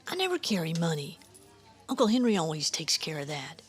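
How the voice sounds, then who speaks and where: A woman voicing a playful, easygoing American woman who speaks softly, often in a breathy hush. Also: deep voice, big pitch swings, fairly quick, full character voice. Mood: matter-of-fact. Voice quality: soft, hushed, often breathy whisper.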